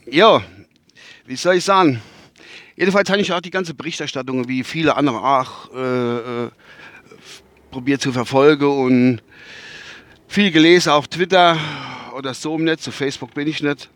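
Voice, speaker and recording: This man, a podcast host with a Westphalian accent, records from his car while driving, meandering through a casual monologue with many fillers, restarts and searches for words, plus some casual swearing. He speaks at a moderate pace, pausing often, in a mid-range, fairly bright voice with no room sound.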